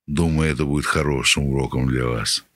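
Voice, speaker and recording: A man's voice: extremely low pitch, steady tone, brisk, a bit bright, dry recording, studio quality, pitched below the performer's own voice. A man voicing a cold, menacing debt-collector boss who makes polite threats.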